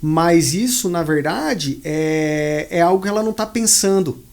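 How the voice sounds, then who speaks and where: A man's voice: fairly high pitch, animated, a little slow. A man with a Brazilian Portuguese accent, a guest specialist patiently explaining a topic in an interview and repeating key points for emphasis. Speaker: invited specialist.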